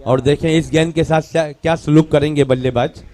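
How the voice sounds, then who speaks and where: A man's voice: on the high side, fairly even intonation, fairly quick. A man with an Indian accent giving live commentary at a local cricket match and calling out to players over the PA. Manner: calls out to players and crew over the loudspeaker. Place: outdoor local cricket ground.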